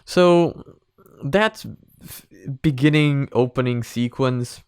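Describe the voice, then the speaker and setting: A male video reviewer with a smooth, mid-range voice talks slowly while reacting to an animated parody series. His unscripted commentary is casual, halting, rambling and repetitive. Studio-quality audio, with no room sound.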